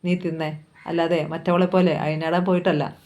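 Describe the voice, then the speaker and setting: A woman's voice: fairly low pitch, flat delivery, moderate pace, darkish tone, natural voice. A woman voicing a harsh, bitter old mother who snaps back with scorn. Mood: scornful. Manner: scornful, snapping.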